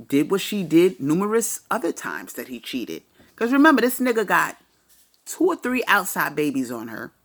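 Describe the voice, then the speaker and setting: A woman talks through celebrity gossip in an unhurried, opinionated way. Her lower voice moves through a wide, expressive range. She is blunt and profane, and she states her views like settled fact. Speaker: commentary vlogger. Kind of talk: casual celebrity gossip commentary.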